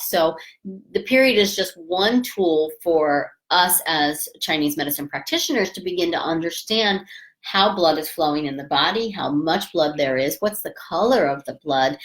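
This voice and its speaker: A woman's voice: lowish voice, fairly bright tone. Chatty, emphatic woman acupuncturist. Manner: chatty, emphatic, many fillers and "you know". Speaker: acupuncturist and fertility author. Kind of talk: casual educational talk, reading aloud from her book.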